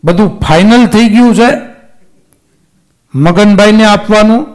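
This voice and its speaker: A greedy village priest, eager for treasure and full of wheedling questions, as a male storyteller acts him out. He sounds high and eager. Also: slow.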